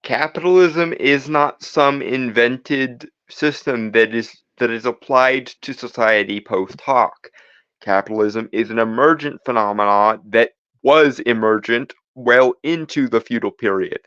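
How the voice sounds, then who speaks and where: A man's voice: medium pitch, unhurried, fairly bright tone, smooth, dry recording, dull audio. A man co-hosting a podcast, lecturing emphatically and rebutting a reading, restarting phrases as he argues. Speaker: podcast co-host. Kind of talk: argumentative commentary.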